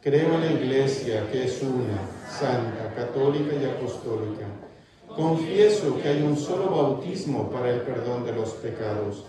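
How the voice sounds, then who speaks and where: A man, a priest, leading Mass prayers with measured liturgical recitation in a church sanctuary. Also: mid-range voice, lively intonation, crowd noise. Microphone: far camera. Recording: echoey church from far off, congregation audible.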